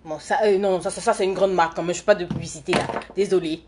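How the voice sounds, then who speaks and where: A young Ivorian woman, a student and live streamer, talks fast in a steady, lowish voice with a crowd audible behind her. She does her makeup while rambling casually through replies to viewer comments.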